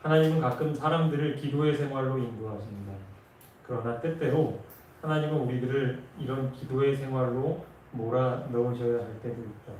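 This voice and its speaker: A man delivers an earnest sermon story at a middle pitch. The sound is very echoey and picked up from some distance in a church, with faint ambience behind. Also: fairly quick, a little mellow, a little hiss or hum. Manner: earnest storytelling, rising with emotion at key moments. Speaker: preacher. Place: church sanctuary.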